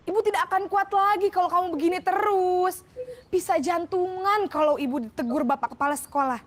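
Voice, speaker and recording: Woman as a very high, shrill, nagging teacher in a training role-play. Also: a little slow, sharp tone, exaggerated voice. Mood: whiny guilt-tripping. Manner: scolding, nagging, high-pitched. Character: strict, exasperated female schoolteacher scolding a late pupil.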